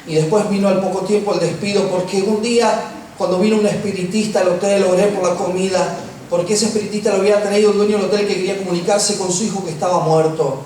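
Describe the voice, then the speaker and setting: A middle-aged man with an Argentine accent preaching a sermon, telling personal stories with humor and slowing down for emphasis. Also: high-pitched, steady tone, darkish tone. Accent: Argentine Spanish. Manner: humorous storytelling, slows for emphasis. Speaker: pastor. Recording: echoey room, distant mic, faint noise.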